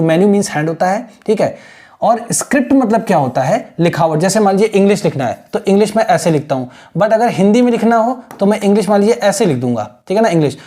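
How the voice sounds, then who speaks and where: A man's voice: high voice, dark tone. A man teaching a textbook lesson, patiently explaining word by word and mixing in English.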